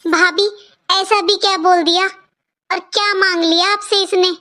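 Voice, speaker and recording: A woman's voice: very high-pitched, fairly even intonation, measured pace, pushed and bright, a little hiss or hum, heavily acted. A woman voicing a mother in a cartoon who defends her daughter, with a wounded, defensive manner. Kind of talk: cartoon voice acting.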